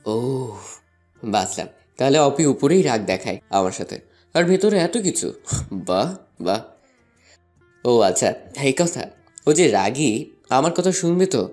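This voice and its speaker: A man's voice: mid-range voice, sing-song, measured pace, pauses often, darkish tone, soft background music. A young man narrating a first-person love story and voicing a playful, teasing student in an audio drama. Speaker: narrator and lead voice actor.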